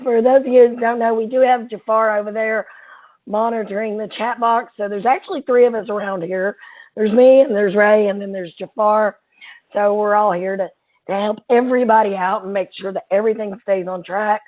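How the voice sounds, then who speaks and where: A woman with a hoarse, froggy voice co-hosting a casual live webinar. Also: mid-range voice, fairly even intonation, brisk. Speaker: webinar co-host. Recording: tinny, phone-like band-limited webinar audio.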